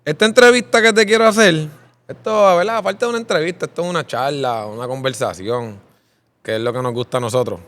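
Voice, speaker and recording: Male host, upbeat, clear smooth voice. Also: a little high, fast talker, a bit bright. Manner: upbeat, repeats "¿verdad?" as a filler. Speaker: interviewer host. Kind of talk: casual interview.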